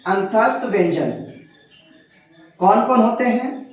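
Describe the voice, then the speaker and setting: A woman's voice: a little high, expressive, darkish tone, distant mic. Woman teacher in a very echoey room. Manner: patient, explains step by step, sounds out letters slowly. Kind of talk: classroom lesson.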